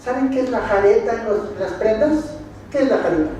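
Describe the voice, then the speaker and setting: Mexican guy giving a slide talk, warm mellow voice, asks the crowd stuff, dry jokes, really echoey hall, far from the mic. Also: very high voice, expressive, a little fast. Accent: Mexican Spanish. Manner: quizzes the audience, dry ironic asides. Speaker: conference speaker. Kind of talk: lecture with slides. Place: lecture hall. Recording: very echoey hall, distant, faint noise.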